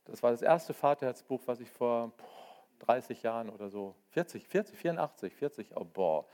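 An older man preaching a charismatic sermon, swinging between loud joyful exclamations and soft, intimate asides, with a folksy way of talking straight to his listeners. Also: mid-range voice, lively intonation, normal speed. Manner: folksy, addresses listeners with "ne?" and "du auch?".

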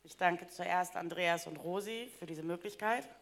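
A woman interprets a sermon as it is given, rendering each phrase right after the preacher in a slightly low voice. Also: normal speed.

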